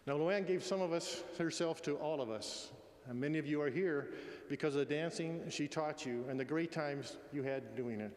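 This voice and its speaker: A man's voice: on the high side, normal speed, few pauses, darkish tone. Tender, faltering older man in an echoey hall. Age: 60s. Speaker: widower giving a eulogy. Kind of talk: eulogy, spoken address. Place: large echoey room at a memorial gathering. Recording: echoey hall with long reverb.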